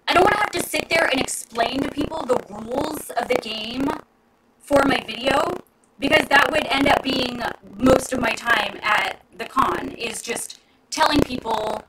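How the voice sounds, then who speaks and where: Very noisy and far from the mic, a high female voice belongs to a vlogger in her thirties chatting casually with viewers live. She rambles and laughs often from her home, where street traffic can be heard outside.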